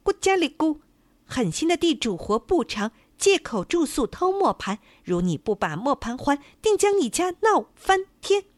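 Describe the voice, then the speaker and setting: A woman voicing a brave, determined male rooster with a high, bright crowing voice in a storybook tale. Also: big pitch swings, normal speed, dry recording.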